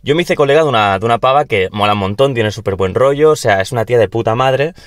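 Fast-talking young man, dry sound. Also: mid-range voice, animated, dry recording. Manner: brisk, keeps pushing to tell his story. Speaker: podcast co-host. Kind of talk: casual chat.

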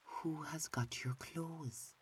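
A man's voice: a little high, fairly even intonation, takes it slowly, slight background noise. A man voicing a bold young rabbit boy. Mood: whispering. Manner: hushed, confiding.

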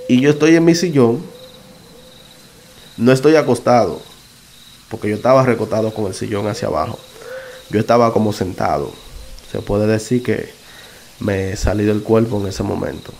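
A man telling his own experience in a casual, halting way, often stopping to correct himself. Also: lowish voice, darkish tone, a little hiss or hum. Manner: halting, self-correcting, conversational. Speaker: podcast narrator. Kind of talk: casual first-person storytelling.

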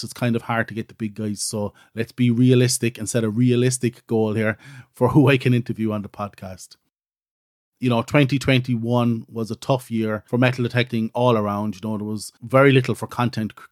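A middle-aged Irishman hosts his own podcast, talking in a lowish voice over clean studio audio with no room sound. His chat is casual, rambling and self-deprecating, peppered with "so" and "you know."

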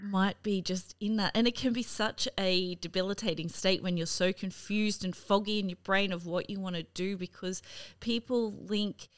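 A woman's voice: medium pitch, normal speed. A woman in her thirties hosting an interview, chatting casually and often affirming what her guest says. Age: 30s. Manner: affirming, lots of agreeing interjections. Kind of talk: casual conversation.

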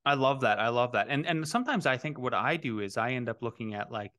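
A middle-aged man hosting a relaxed interview. He builds his questions slowly, backing up and restarting mid-thought before he lands on the point. His voice is mid-pitched and conversational. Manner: rambling, frequent restarts. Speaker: podcast host, real estate developer. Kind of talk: casual interview chat.

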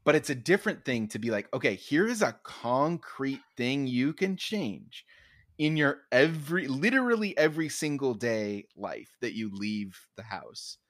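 A man's voice: medium pitch, sing-song, unhurried, fairly bright tone, no room sound, studio quality. A man co-hosting a comedy podcast, talking casually with lots of restarts and playful mock quotes of his own thoughts. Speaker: podcast co-host. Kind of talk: casual chat.

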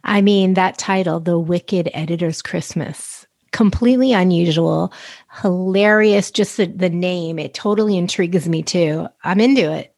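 A woman co-host chats casually on a podcast, with dry jokes. Her voice is lowish with lots of vocal fry. The sound is close and dry. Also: normal speed, darkish tone, no room sound.

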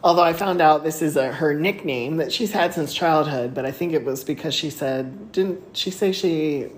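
A podcast co-host with a low voice tells a story in a casual chat, laughing often as she talks. Her retelling is animated at a moderate pace, and her voice jumps high when she gets excited. The recording has an echoey room sound with faint noise.

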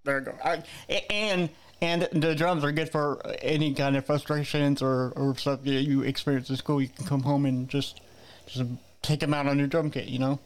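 A man's voice: a little high, fairly even intonation, normal speed. A man in his forties hosting a casual interview, chatty, repeating words as he asks friendly questions. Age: 40s. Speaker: host.

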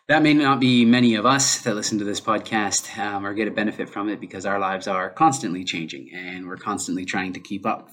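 A podcast host, a native English speaker, works through his solo episode unscripted, thinking aloud. He leans heavily on fillers like "um" and restarts mid-sentence. His voice sits on the low side and is a bit bright.

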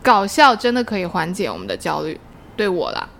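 A woman's voice: on the low side, huge pitch swings, fairly quick, vocal fry, fairly bright tone. A woman hosting a casual conversational discussion, asking questions and dropping English words into her Mandarin.

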